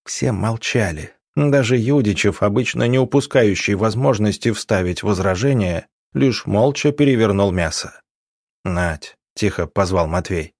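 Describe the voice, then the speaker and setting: Brief: male audiobook narrator, low voice, dry close recording, measured. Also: lively intonation, dry recording.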